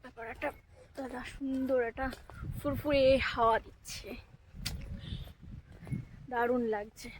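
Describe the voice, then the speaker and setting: A woman's voice: high-pitched, steady tone, unhurried, long pauses, a little hiss or hum. A woman with a Bengali accent chatting to viewers as she walks through an outdoor park on a phone camera. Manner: chatty, addresses viewers directly, drops to a hush at times. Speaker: vlogger. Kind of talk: casual walking vlog.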